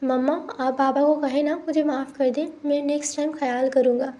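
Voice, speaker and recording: A man's voice: very high voice, level tone, fairly quick, warm tone. A woman reading a pleading young son. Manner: begging, apologetic.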